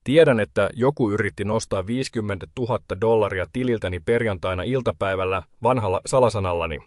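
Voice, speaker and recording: A man voicing an unshakable widowed grandmother who speaks calmly and coldly. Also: lowish voice, dry recording, clean studio sound, lightly acted. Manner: calm, clipped, cold. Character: cold, unshakable widowed grandmother, older woman.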